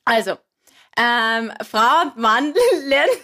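A talkative woman with an Austrian accent, laughing her way through a joke in casual studio banter. Her voice sits a little high. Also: takes it slowly, pushed and bright. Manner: laughs often, nervous and chatty. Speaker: radio show regular.

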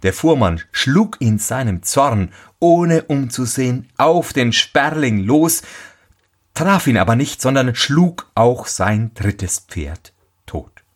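A man reading a fairy tale aloud as a storyteller, slow and expressive. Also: medium pitch.

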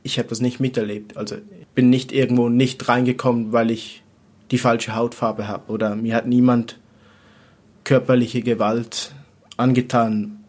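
A man's voice: medium pitch, little pitch movement, normal speed, a little mellow. A young man, a jazz musician, answering interview questions hesitantly, piecing his sentences together. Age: young adult.

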